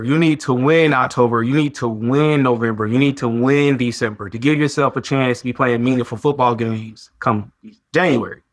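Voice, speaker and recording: A man hosting a sports podcast, talking in a casual, animated way with slang and lots of repetition. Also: medium pitch. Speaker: podcast host.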